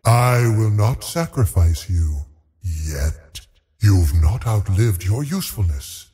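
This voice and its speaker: A man voicing a cold, haughty undead lich sorcerer in a video game, speaking in a menacing, theatrical, deliberate way as he savors his cruelty. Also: on the low side, big pitch swings, mellow, big-room sound. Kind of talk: video game villain voice lines.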